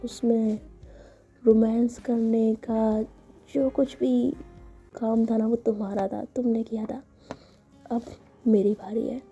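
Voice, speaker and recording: A woman voicing a pushy, impatient young woman who talks in a bossy, mock-threatening way, with a husky, mellow voice. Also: on the high side, level tone, slow, long pauses, muffled recording, faint music behind, heavily acted.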